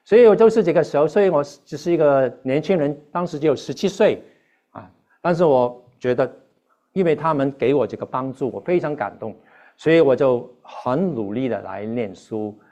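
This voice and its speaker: A man preaching to a congregation. His voice sits at an ordinary male pitch, and he speaks earnestly, halting and restarting as he goes and slipping English terms into his sentences. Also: animated, dark tone, muffled recording. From Hong Kong. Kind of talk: sermon with personal testimony.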